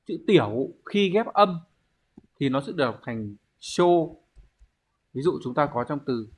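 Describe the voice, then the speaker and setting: A Japanese language teacher leads an online exam-prep lesson at a middle pitch, patiently covering each point and asking students questions he then answers himself. His husky voice is very animated and moves a little slowly.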